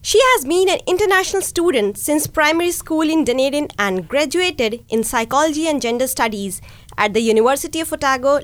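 A woman's voice: high voice, no echo. A woman from India with an Indian English accent, hosting a community radio interview with enthusiasm. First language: Hindi. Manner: enthusiastic, warm greetings and frequent laughs. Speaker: radio show host.

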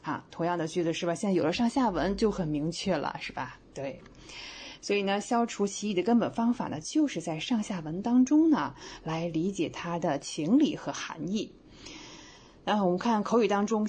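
A woman gives a Chinese grammar lesson on community radio, her voice slightly husky. Her pitch moves in a lively way as she explains. She reads each example sentence slowly, leaning on the key words, and keeps checking in with her listeners. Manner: slow, deliberate reading of example sentences with stressed words; patient, explanatory, with many tag questions.

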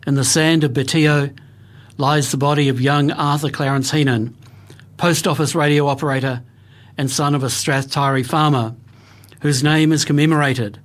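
A man, narrating a scripted history report for radio in a grave, even-paced manner. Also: mid-range voice.

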